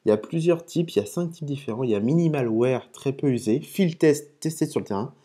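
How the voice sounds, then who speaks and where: A man hosting a casual gaming video, explaining terms patiently between hesitant pauses and muttered curses at his own mistakes. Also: medium pitch, dark tone, husky. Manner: hesitant, with frequent "euh" and restarts. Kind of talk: casual commentary while opening game cases.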